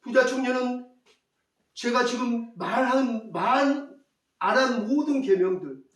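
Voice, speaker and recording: A man's voice: very high voice, takes it slowly, fairly bright tone. A male pastor preaching a sermon, putting rhetorical questions to the congregation and repeating key phrases for emphasis. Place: church. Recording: echoey church hall, mic at a distance.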